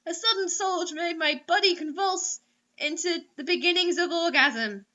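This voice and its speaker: Reading bad online fiction aloud as host, a woman uses a very high, bright voice at normal speed. Her delivery is theatrical, punctuated by sarcastic and mocking comments, and the recording has a dull lo-fi quality.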